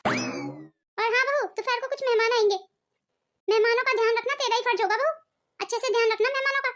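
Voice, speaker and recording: A woman's voice: very high-pitched, big pitch swings, brisk, exaggerated voice. Woman voicing Parvati, scheming mother-in-law. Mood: bossy. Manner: sharp, commanding. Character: scheming bossy middle-aged mother-in-law.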